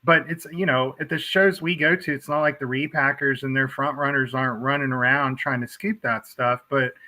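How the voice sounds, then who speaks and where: A man's voice: medium pitch, steady tone, moderate pace, bright, forceful tone, poor audio. A man co-hosting a casual podcast chat, talking in a loose, filler-heavy way with stumbles and restarts. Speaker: podcast co-host.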